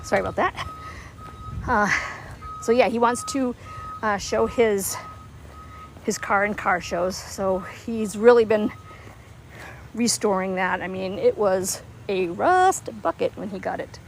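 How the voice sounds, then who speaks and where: A woman's voice: medium pitch, a little slow, gravelly, long pauses, slight background noise, poor audio. Chatty winded woman walking outside. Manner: rambling, chatty, laughs easily. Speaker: livestream host. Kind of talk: casual livestream chat. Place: outdoors, walking.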